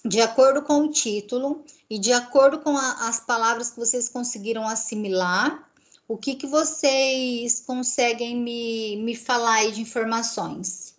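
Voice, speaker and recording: A woman's voice: a little high, measured pace. A Brazilian woman teaching a Spanish class, explaining rules step by step and often checking that students follow. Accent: Brazilian Portuguese.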